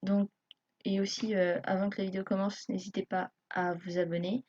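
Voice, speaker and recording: A woman narrates a live screen tutorial in a mellow, slightly husky voice. She hesitates often, filling pauses as a nervous beginner would. The recording sounds dull and lo-fi. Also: medium pitch, flat delivery. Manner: hesitant, many fillers, self-conscious beginner. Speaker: YouTube tutorial maker.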